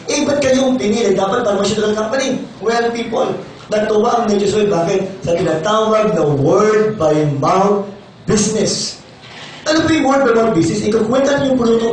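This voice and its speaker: A hoarse middle-aged man with a Filipino accent, giving a lively, playful seminar talk and often asking the audience questions. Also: high-pitched. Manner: energetic, playful, often asks the crowd questions. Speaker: company doctor giving a sales seminar. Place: large seminar hall. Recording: very echoey hall, distant, faint room noise.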